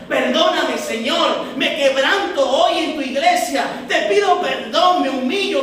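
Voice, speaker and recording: Woman preacher, high voice, questioning the flock, distant mic in a booming hall. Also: a little hiss or hum. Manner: asks the congregation rhetorical questions; addresses listeners warmly as brothers and sisters. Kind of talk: teaching sermon. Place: large echoey church hall. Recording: echoey church hall from far off.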